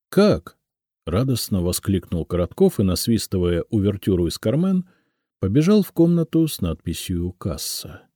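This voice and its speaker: A man reading a literary story aloud as an audiobook, in a theatrical, lively storytelling manner. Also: sits low, dry recording, clean studio sound. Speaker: audiobook reader. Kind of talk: expressive literary audiobook narration.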